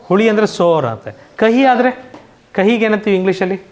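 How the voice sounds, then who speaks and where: A woman's voice: medium pitch, lively intonation, brisk, a little mellow. A woman teacher with a Kannada accent, drilling English word pairs in an online coaching class, asking questions and answering them herself.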